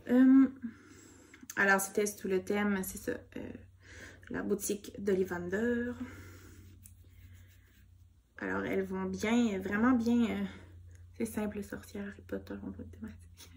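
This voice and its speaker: A woman with a Québécois accent talks through her knitting projects in an unhurried, relaxed way. Her speech is soft and gushing, sprinkled with little fillers. There is a noticeable gravelly fry in her voice. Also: medium pitch, a little hiss or hum. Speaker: knitting vlogger. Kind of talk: casual show-and-tell chat.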